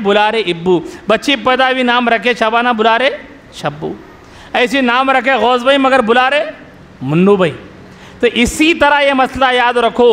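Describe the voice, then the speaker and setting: A man's voice: very high voice, fairly bright tone, long reverb tail. A middle-aged man, a maulana, giving a religious workshop lecture to a live audience, telling everyday stories and often putting questions back to his listeners. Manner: quizzes the audience with repeated questions; storytelling with everyday examples. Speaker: Islamic scholar, maulana.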